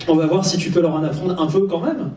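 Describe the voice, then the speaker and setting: At a live fan event in a cinema auditorium, a man hosts a casual stage interview, bantering playfully with the audience and teasing them informally. His voice is a little high and a little mellow, and he talks fast; the echoey hall, distant mic, and crowd noise are all audible.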